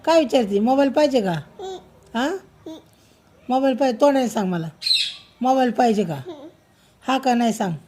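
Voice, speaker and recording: Woman, high-pitched voice, firm repetitive scolding, motherly, noisy background. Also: moderate pace, long pauses. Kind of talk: scolding a child at home.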